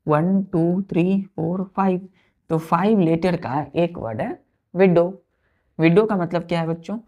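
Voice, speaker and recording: A woman's voice: fairly low pitch, measured pace, dull audio. A woman teacher gives a vocabulary lesson, spelling words letter by letter and counting aloud. She repeats each word and keeps checking that her students follow.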